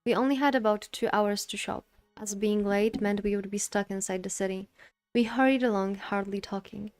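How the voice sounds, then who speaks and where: A woman with a smooth, clear voice reads narration from a story game at a steady pace, stopping now and then for a short aside. Soft music plays quietly under her voice. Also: mid-range voice, moderate pace. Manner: steady reading with occasional asides. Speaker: reader of a visual novel. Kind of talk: reading a game's text aloud.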